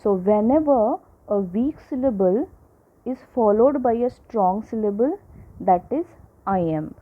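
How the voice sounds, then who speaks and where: A woman teaching a lesson to children, slowly repeating each example and checking in with her listeners. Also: fairly high pitch, expressive. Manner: slow, repeats examples, checks in with "right?" and "okay?". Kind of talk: classroom lecture. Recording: tinny phone-like audio.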